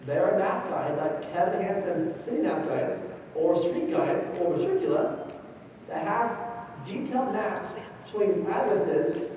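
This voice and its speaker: A high-voiced man presents at a genealogy conference, giving an informal instructional lecture live in a large, echoey indoor hall. He speaks unhurriedly and warmly in a conversational style, with short choppy phrases and personal anecdotes. The distant mic picks up the echo and faint noise.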